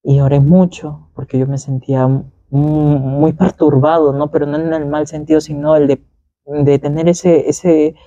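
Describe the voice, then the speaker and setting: A man's voice: on the high side, little pitch movement, measured pace, dark tone, muffled recording. A young man, a pastor, telling his story in an interview in an earnest, reflective way with many fillers and tag questions. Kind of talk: conversational testimony.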